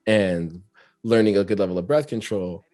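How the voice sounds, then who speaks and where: A man's voice: lowish voice, moderate pace, a little mellow, no room sound, studio quality. A man, a rapper, chatting as an interview guest, talkative and reflective and laughing often. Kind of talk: casual interview chat.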